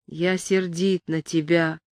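A feeble old mine owner, as a woman puts him on, suspicious and whining. He drags out his words slowly and sounds muddled, in a dry storybook reading. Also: lowish voice, dry recording, close to an everyday voice. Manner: slow, whining, muddled speech.

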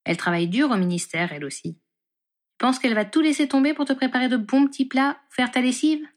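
A woman voicing a blunt, sharp-tongued young woman in a storybook reading. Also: sits high, brisk, voice pushed up, lightly acted. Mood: scolding. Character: blunt teasing young woman, Ron's sister.

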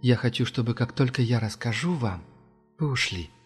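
A male reader voicing an ancient, sorrowful being in a little girl's body, speaking quietly and slowly, in an audiobook. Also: medium pitch, lively intonation, slightly rough, big-room sound, faint music behind.

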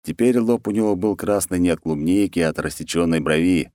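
A man's voice: deep voice, fairly quick, dark tone, dry recording. Male audiobook narrator, mocking and wry, dry delivery. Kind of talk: scripted narration.

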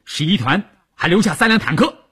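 A man voicing an eager regiment commander who briskly reports to his superior. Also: high voice, big pitch swings, bright, forceful tone, slightly rough, pitched above the performer's own voice, heavily acted. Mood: urgent.

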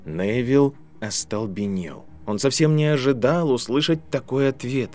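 Male audiobook narrator, measured storytelling delivery, soft music bed. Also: medium pitch. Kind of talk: scripted narration.

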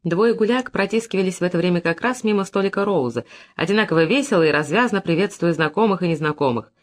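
A man narrating an audiobook in an expressive, dramatic reading style. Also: sits high, fast.

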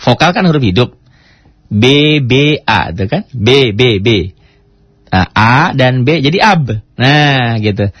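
A man teaching Quran recitation, chatting casually and breaking into slow chanted demonstrations. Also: medium pitch, lively intonation, slightly rough, dry recording. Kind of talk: tajwid lesson with recited demonstrations. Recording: dry, dull lo-fi radio recording.

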